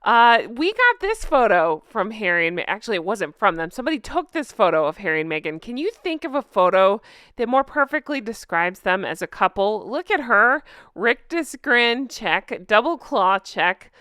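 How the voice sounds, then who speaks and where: A woman hosting an online recap show with animated, casual, sarcastic and gossipy chatty commentary. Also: mid-range voice, brisk, smooth, dry recording, studio quality. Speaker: YouTube recap show host.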